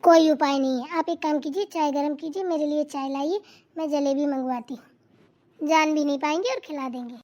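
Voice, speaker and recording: A woman's voice: high voice, a little mellow, close to an everyday voice. A woman voicing a bossy, meddling young sister-in-law in a cartoon, giving orders and advice. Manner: quick, bossy, advising. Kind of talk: cartoon voice acting.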